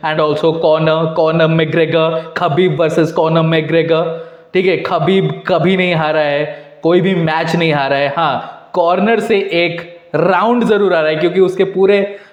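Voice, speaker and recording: Excitable man reacting in an echoey room. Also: on the high side, measured pace, highs cut off. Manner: excitable, mixes Hindi and English, repeats lines back. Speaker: music reaction video host. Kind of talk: casual reaction commentary. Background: faint music.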